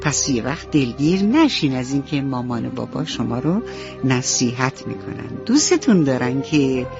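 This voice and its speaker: Gentle woman telling a bedtime story. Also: a bass voice, animated, gravelly, music in the background. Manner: gentle, motherly, addresses children directly. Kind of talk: bedtime story narration for children. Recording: slightly dull radio recording.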